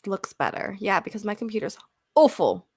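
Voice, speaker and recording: A woman's voice: mid-range voice, big pitch swings, moderate pace, a little mellow, breathy edge, dry recording. Woman podcast co-host, casual and a bit flustered, dry close mic. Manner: fumbling with tech, apologetic, swears casually. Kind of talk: casual chat.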